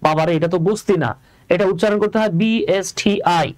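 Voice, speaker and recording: High-voiced Bangladeshi man teaching English. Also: quick pace, darkish tone, no echo. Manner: explains step by step and asks students questions. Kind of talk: live online class lecture.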